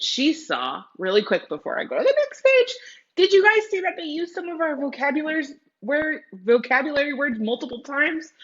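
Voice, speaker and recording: Muffled audio captures a woman teacher whose fairly high, bright voice has a forceful tone. She reads a picture book aloud to children, explains words, and often questions the young viewers directly as part of the lesson.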